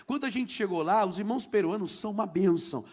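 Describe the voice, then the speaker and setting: High-voiced Brazilian pastor telling a story. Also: male voice, fast talker. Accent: Brazilian Portuguese. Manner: animated storytelling, acting out the people he quotes. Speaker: missionary pastor. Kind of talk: sermon testimony.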